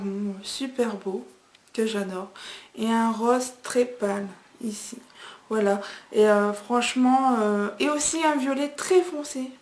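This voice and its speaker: A woman's voice: high voice, reverberant. A young woman reviewing makeup palettes in a casual vlog, talking hesitantly with many fillers, recorded on a camera mic in a room at home. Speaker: beauty vlogger.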